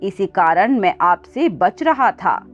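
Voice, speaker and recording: A woman's voice: mid-range voice, expressive, slow pace. A woman voicing a young village man who apologetically breaks bad news, over faint music on a dull recording. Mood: apologetic.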